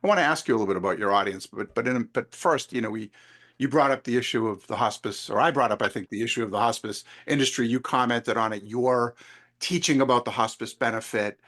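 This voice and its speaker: Measured man interviewing, medium-pitched voice. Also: a bit bright. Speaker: podcast interviewer. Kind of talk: conversational interviewing.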